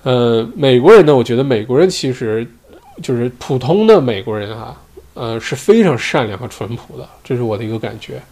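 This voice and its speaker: A man's voice: medium pitch, lively intonation, fairly quick, a little mellow. A man hosting his own solo show, talking casually in a rambling way with many fillers and tag questions. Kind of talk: casual commentary monologue.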